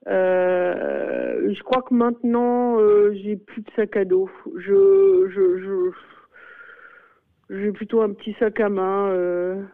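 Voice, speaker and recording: A woman's voice: mid-range voice, expressive, slow, gravelly. Hesitant middle-aged woman on a phone-like line. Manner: hesitant, many fillers and exclamations. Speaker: school principal. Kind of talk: radio interview. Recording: phone-like radio sound.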